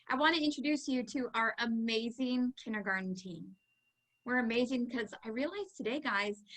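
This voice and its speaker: A woman's voice: fairly high pitch, bright, forceful tone, low-quality recording. A woman from Canada, a kindergarten teacher, hosting a virtual back-to-school night for parents in a cheerful, chatty way. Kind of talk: upbeat presentation to parents.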